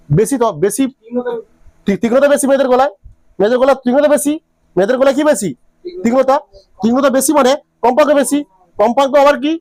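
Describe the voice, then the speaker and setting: A man's voice: very high-pitched, darkish tone, no echo. A man teaching a physics class, repeating his questions to the students and checking often that they follow. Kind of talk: classroom lecture.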